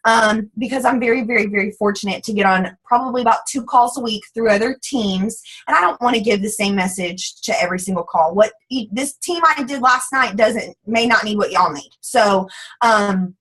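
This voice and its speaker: A woman with a Southern accent who talks fast and bubbly, with lots of "like", speaking as a guest on a video call. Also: medium pitch, a bit bright, breathy edge, poor audio. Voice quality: fast, bubbly, says "like" a lot. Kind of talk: casual team call talk.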